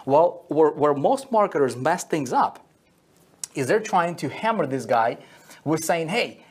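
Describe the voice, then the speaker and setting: A man's voice: on the high side, animated, a little slow, slight background noise. A man teaching an online marketing lesson at a whiteboard, checking in with listeners constantly and repeating key phrases for emphasis. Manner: checks in constantly with "okay?" and "right?".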